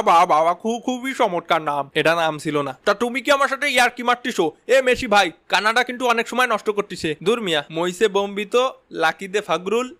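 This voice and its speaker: A man performing a comic sketch, trading rapid, quarrelsome banter between characters. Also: sits high, bright, forceful tone.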